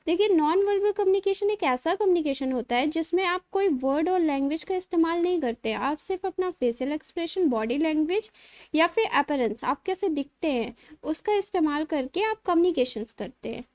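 A woman teaching a tutorial lesson in a high voice, explaining each point step by step. She reads definitions at a slow, careful pace. The recording is dry and a little dull. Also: animated, a little mellow, no echo. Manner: explains in Hindi, then reads English definitions slowly. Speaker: computer teacher. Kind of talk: classroom tutorial lecture.

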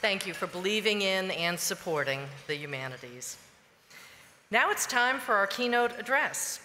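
Bright woman hosting a dinner program. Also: lowish voice. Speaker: event host. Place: large hall at a dinner. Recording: hall reverb, faint noise.

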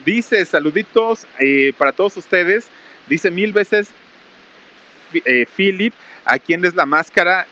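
A man's voice: high-pitched, expressive, slow pace, pushed and bright, highs cut off. A man hosting a live stream outdoors under a small roof in heavy rain, reading out viewer greetings in a raised, casual voice. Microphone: camera mic with crew nearby.

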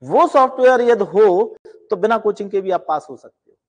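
Middle-aged male coach, earnest motivational talk to students, voice sits a little high, emphatic. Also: moderate pace. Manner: earnest, lively and emphatic, with rising emphatic lines and quiet asides. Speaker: law exam coaching teacher.

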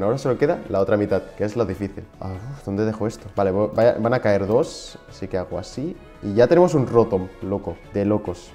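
Young male gaming creator, Spain Spanish accent, relaxed mellow voice, casual excitable play-by-play with frustrated outbursts. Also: on the low side. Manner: excitable, shouts in frustration at the game. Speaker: gaming YouTuber. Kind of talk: casual gameplay commentary.

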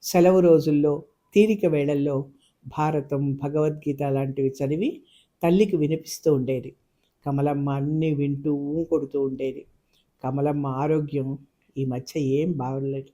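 A man narrating a novel aloud in a measured, expressive storytelling manner. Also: fairly high pitch.

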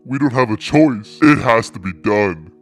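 A man's voice: mid-range voice, animated, measured pace, faint music behind, lightly acted. A man voicing a solemn, tender villager and loyal best friend in a scripted game parody skit.

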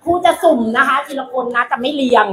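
A high-pitched woman works a live crowd as a playful stage emcee, teasing and calling out. Her voice rings through an echoey hall with an audience murmuring behind her. It is a lively, loud room sound. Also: fairly quick. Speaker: coach hosting a live stage event. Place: large event hall with an audience.

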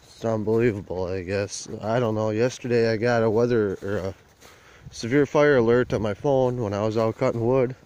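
Phone in hand, a man strolls a burnt field and rambles on in a plain, country manner for his vlog. His voice is on the low side and a little mellow, delivered at normal speed, with lo-fi sound quality.

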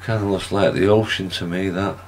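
Deep-voiced easygoing man. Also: steady tone, brisk, a little hiss or hum. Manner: easygoing, brief agreeable comments. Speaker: partner chatting along with the host. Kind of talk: casual chat.

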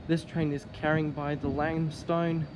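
Guy reading off loco numbers on a train platform, kinda high voice, trains roaring loud behind him. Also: little pitch movement, normal speed. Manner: calls out locomotive numbers as trains pass. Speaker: train vlogger. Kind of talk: casual commentary while trainspotting. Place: outdoor railway station platform. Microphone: phone camera held on the platform. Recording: loud passing train noise. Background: loud rumble of passing freight trains.

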